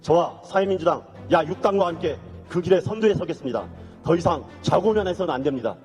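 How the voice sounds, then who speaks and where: A man's voice: a little high, lively intonation, fast, a little mellow. Politician guy firing up a protest crowd, long echo, faint music under it. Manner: declamatory, rousing. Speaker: opposition politician speaking at a protest. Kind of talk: rally speech. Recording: echoey hall with music behind.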